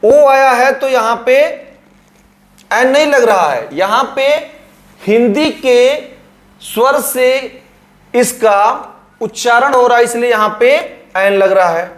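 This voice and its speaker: High-voiced man teaching slowly. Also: a bit bright. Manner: slow, drawn-out explanations, repeating words. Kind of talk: grammar lesson at a board.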